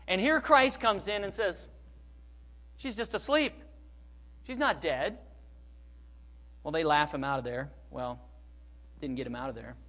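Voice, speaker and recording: A middle-aged man preaching a sermon as pastor, moving between quiet, hushed phrases and loud, emphatic bursts. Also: high voice.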